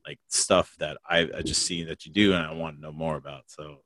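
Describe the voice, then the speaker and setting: A man's voice: a bass voice, steady tone, a little fast, fairly bright tone, no echo. A man hosting a casual podcast interview, talking in a loose, rambling way full of fillers and restarts. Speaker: podcast host.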